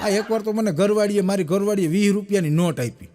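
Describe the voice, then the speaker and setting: A man with a high voice performs stand-up comedy over heavy background noise. He rattles off one-liners rapidly and acts out the quoted dialogue in his stories.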